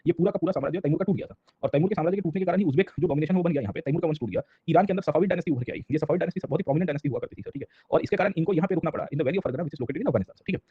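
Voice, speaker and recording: A man teaching an exam-prep history lecture, switching between Hindi and English and often pausing to check that students follow. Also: fairly high pitch, slightly rough, no room sound, narrow, tinny audio. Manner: mixes Hindi and English, keeps checking in with listeners.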